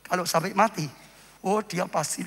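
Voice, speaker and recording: An Indonesian man preaching a sermon as a pastor, swinging dramatically from hushed tones to loud shouts. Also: sits high, steady tone, moderate pace, creaky. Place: church hall. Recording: live stream in a reverberant hall.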